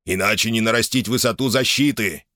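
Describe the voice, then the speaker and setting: A man's voice: on the low side, fairly quick, pushed and bright, no room sound, studio quality, pitched above the performer's own voice. A man voicing an irritable male scientist who speaks in a grumbling, matter-of-fact way, as in an audiobook. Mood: tense.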